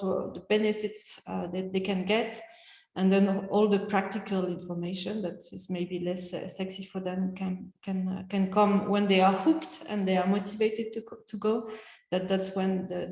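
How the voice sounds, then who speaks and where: A woman's voice: mid-range voice, darkish tone, roomy sound, big-room sound, poor audio. A woman hosting a webinar, summarizing audience comments in a loose, chatty way. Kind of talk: webinar discussion.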